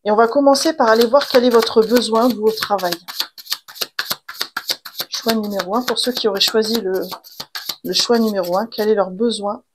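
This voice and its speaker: A woman's voice: a little high, fairly even intonation, moderate pace, pauses often, heavy background noise. A woman doing a tarot reading to camera in a chatty way, full of fillers and restarts. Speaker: tarot reader and coach.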